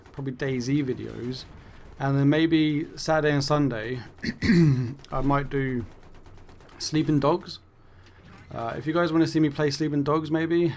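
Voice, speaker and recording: A man's voice sits on the high side with vocal fry, and a little hiss or hum runs underneath. He's a gaming YouTuber giving a rambling, casual commentary monologue, backtracking to correct himself and brushing off his swearing with a laugh. Losing his voice, he sounds tired and faint.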